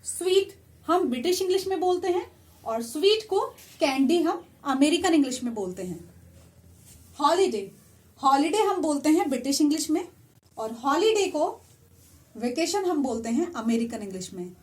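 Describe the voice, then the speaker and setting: A woman teaches vocabulary beside a whiteboard, her voice sitting high. She goes patiently through the list, repeating each word before giving its counterpart. Her English asides come slow and careful. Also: sing-song. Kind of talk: explaining vocabulary to viewers.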